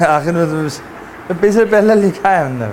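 A man teaching Quranic recitation in a classroom lesson. He drills letter sounds slowly and often stops to check whether his students understood. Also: high voice, animated, a little mellow, a little hiss or hum.

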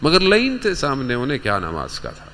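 A man delivering an emotional religious sermon, swinging between loud exclamations and hushed whispers. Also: mid-range voice, huge pitch swings, fairly quick, a little hiss or hum. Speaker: preacher. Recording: long hall reverb, faint ambience.

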